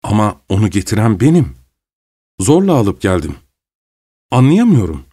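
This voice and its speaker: A man voicing an anxious, hot-tempered middle-aged gentleman who speaks loudly and urgently. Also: fairly low pitch, very animated, moderate pace, slightly rough. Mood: heated.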